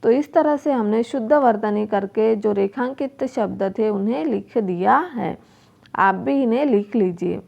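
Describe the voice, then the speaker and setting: A woman teaching a school lesson, speaking slowly and repeating words as she asks her pupils questions. Her voice sits a little high and has a gravelly edge. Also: darkish tone, dull audio. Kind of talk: workbook lesson explanation.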